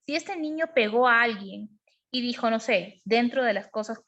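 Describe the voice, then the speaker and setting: A high-pitched woman leads a parenting lesson. She explains patiently and keeps asking her listeners whether they follow. The sound is dull and lo-fi. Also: lively intonation, normal speed, fairly bright tone. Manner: explanatory, asks frequent checking questions. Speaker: parenting educator. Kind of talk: online class on emotional parenting.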